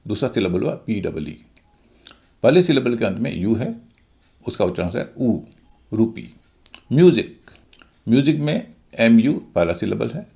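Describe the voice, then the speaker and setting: A man's voice: mid-range voice, vocal fry, a little mellow. A man teaching English pronunciation in a video lesson, explaining methodically and spelling words out letter by letter.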